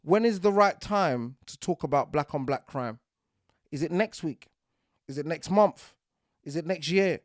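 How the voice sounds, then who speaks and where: A man hosting a podcast, talking in an animated, insistent monologue and often checking that the listener follows him. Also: a little high, a little slow, long pauses, no echo, studio quality. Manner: animated and insistent, keeps asking "do you get what I'm saying". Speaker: podcast host.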